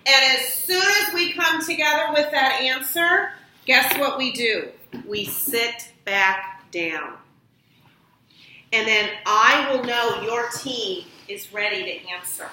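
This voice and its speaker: A woman's voice: a little high, slow pace, bright, forceful tone, a little hiss or hum. A woman teacher giving patient classroom instructions, prompting her pupils with questions. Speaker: elementary school teacher. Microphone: distant room mic. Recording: echoey classroom from far off.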